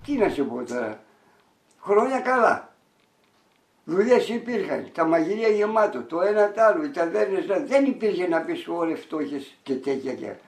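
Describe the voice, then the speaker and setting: An older man reminiscing as an interviewee, matter-of-fact as he lists details of past working days. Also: fairly high pitch. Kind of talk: reminiscing storytelling. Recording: roomy echo.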